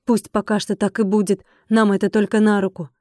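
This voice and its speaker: A practical young serving girl in a fantasy audiobook, read by a woman speaks bluntly and matter-of-factly. Her tone is mellow and unfussy, and the recording is dry and close. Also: mid-range voice, level tone, brisk, no echo, natural voice. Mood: dismissive.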